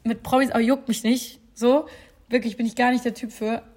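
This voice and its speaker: A woman's voice: on the high side, moderate pace. A woman, chatting casually as a podcast host and acting out quotes as she tells a story. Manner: animated storytelling, acts out quotes. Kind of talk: casual chat.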